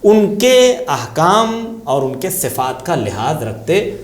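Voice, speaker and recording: Man with an Indian Urdu accent, slightly high voice, patient lesson explanation, repeats key terms, echoey room. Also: very animated. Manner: patient, repeats key terms, asks and answers own questions. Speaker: tajweed teacher.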